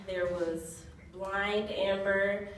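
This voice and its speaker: A woman's voice: medium pitch, drawn-out words. Woman doing stand-up in an echoey club. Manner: deadpan storytelling, laughing at her own jokes. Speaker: stand-up comedian. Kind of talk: stand-up comedy set. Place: comedy club stage. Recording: echoey club recorded from far off. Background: audience laughter and noise.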